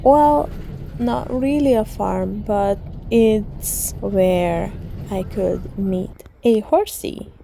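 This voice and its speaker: A young woman from Hungary chatting casually as she narrates her travel and reading vlog, with soft laughs. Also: medium pitch, very slow, vocal fry, slight background noise. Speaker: book vlogger. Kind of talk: casual vlog voiceover and diary talk.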